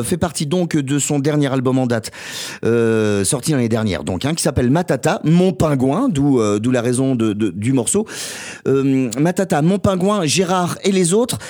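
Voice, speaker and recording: A man hosts a radio music segment in a loose, joking manner, his voice sitting a little high for a man. He stops often to hesitate and restart. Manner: relaxed and jokey, with frequent hesitations. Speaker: radio host. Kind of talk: casual radio music presentation.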